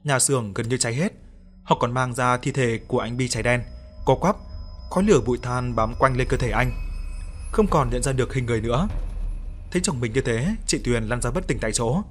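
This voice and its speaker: A man reads a horror story aloud in a steady, dramatic storytelling voice. His pitch sits in an ordinary middle range, with faint music playing softly underneath. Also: a little fast. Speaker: audiobook narrator. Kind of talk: scripted horror story narration.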